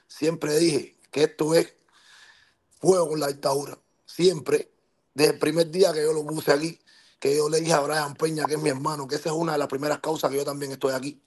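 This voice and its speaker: A man with a Cuban accent talks in a high, ringing voice on a podcast. He is passionate and emphatic and leans hard into every point. He cuts in to keep the floor and keeps asking whether his listener understands. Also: a little mellow, husky. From Cuba. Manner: insistent, interrupts to hold the floor. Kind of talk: heated podcast talk.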